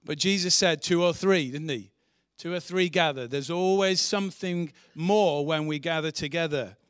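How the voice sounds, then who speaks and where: A man's voice: on the high side, moderate pace, clean tone, no room sound, clean studio sound. A man preaching a sermon in church, earnest and asking the congregation questions. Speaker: pastor.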